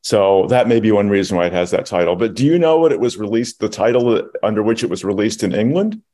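This man co-hosts a film podcast, walking through a movie thoughtfully and explaining as he goes, often restarting. His voice is fairly low, dark, and expressive, and he talks fast in the casual discussion.

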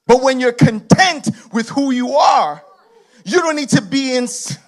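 A man of Haitian heritage preaches a sermon in a very high, expressive voice at a measured pace. His emphatic delivery builds through shouted repetitions and is broken up by laughing asides.

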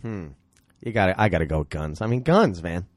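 A man's voice: sits low, expressive, moderate pace. A man co-hosting a casual rock podcast, teasing his co-hosts with laughing asides. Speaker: podcast co-host. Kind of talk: casual chat.

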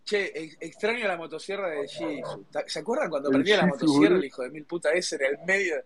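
A man's voice: a little high, very fast, crowd noise. A man with a Rioplatense accent hosting a live audio chat, talking in a sarcastic, mock-offended way. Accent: Rioplatense Spanish. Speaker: host of a live audio space. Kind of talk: heated casual chat.

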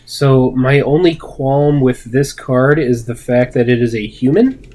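A man chatting casually about his own card game deck, quick and hesitant with restarts. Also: mid-range voice, warm tone, a little hiss or hum. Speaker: deck owner and podcast co-host.

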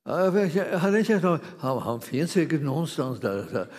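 A man preaching in a reverberant hall, his voice a little higher than usual for a man. He talks in a loose, chatty way, laughs often as he tells his story, and restarts his sentences again and again. His delivery stays casual, like a conversation with the congregation. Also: very animated, a little mellow. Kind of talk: sermon.

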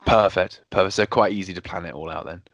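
A man's voice: low voice, fairly even intonation, a bit bright, no room sound. A man hosting a podcast interview, agreeing readily and often restarting his sentences. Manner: friendly, stumbling restarts, quick to agree. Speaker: podcast host.

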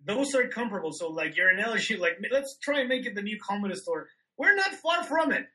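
Man, podcast co-host, casual rambling chat, bright tone, higher pitch, remote call mic. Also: very animated, fast, low-quality recording. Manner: rambling, loose, many "like" fillers, laid-back storytelling. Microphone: remote call microphone.

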